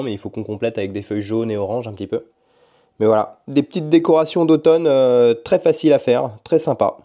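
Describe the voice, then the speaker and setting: A man chatting casually at home in a vlog about language learning, talking in a relaxed, rambling way with frequent hesitations. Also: medium pitch. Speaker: language-learning vlogger and podcaster. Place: at home in his apartment.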